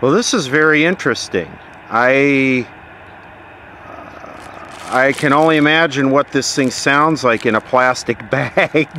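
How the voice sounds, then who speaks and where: An American vlogger sits at an outdoor table testing a vintage CB radio and chatting casually in a plainspoken, wry way. His medium-pitched voice is bright and forceful, and he talks a little slowly. Faint background noise can be heard.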